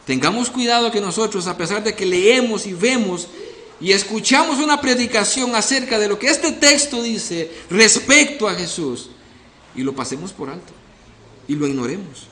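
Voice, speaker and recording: A man's voice: high voice, animated, normal speed, pushed and bright, roomy sound, slight background noise. A male pastor preaching an expository sermon, earnestly questioning the congregation. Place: church.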